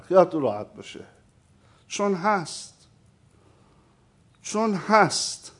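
A man with a notably high voice delivers a theology lesson. He argues emphatically and keeps turning to his audience with questions, pressing each point home. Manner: addresses listeners as "sir". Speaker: religious teacher. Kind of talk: lecture on theology.

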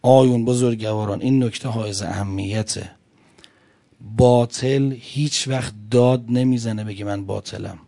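A male preacher giving a religious sermon, telling a story and speaking straight to his listeners, moving between loud emphatic lines and quiet ones. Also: medium pitch, steady tone, creaky.

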